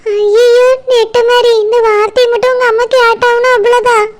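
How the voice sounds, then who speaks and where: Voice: extremely high pitch, flat delivery, fairly quick. A performer voicing an older sister figure in a cartoon, scolding and soothing a crying bride in a Kanyakumari Tamil accent. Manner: scolding yet soothing, repeats a pet name. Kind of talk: cartoon voice acting.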